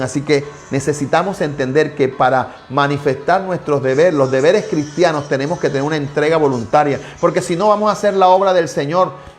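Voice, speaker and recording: Pastor with a slightly high voice. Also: male voice. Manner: emphatic storytelling with heavy repetition. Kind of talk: devotional sermon with personal testimony.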